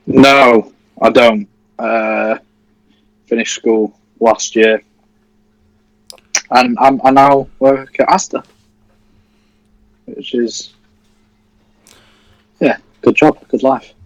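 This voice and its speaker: A man's voice: mid-range voice, fairly even intonation, extremely slow, pauses often, no room sound, low-quality recording. An eighteen-year-old man from Leeds co-hosts a football watchalong stream in an easygoing, jokey way. His voice is recorded dry and close, with no room sound. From Leeds, England. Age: teens. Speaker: livestream co-host. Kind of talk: casual football watchalong chat.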